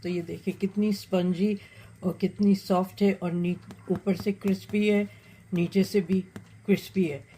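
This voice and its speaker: Slow-talking woman demonstrating a recipe. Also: on the low side, dark tone, slightly rough, poor audio. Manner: unhurried, talking while she cooks, many pauses and fillers. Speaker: cooking channel host. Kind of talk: cooking demonstration.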